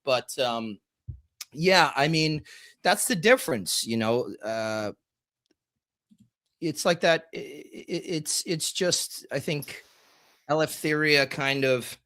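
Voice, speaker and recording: A man leads a casual podcast roundtable with loose, rambling energy, often laughing and swearing. His voice sits at a middle pitch. The sound is dry and close, with no room echo. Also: bright, forceful tone. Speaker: podcast co-host presenting this month.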